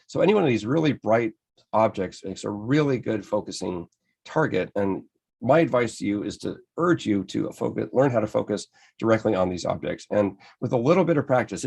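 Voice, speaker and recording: A man's voice: lowish voice, creaky, a little mellow, breathy edge. An American man giving an enthusiastic, conversational photography lecture from slides, with frequent restarts. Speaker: photography presenter. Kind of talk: slide-based club lecture.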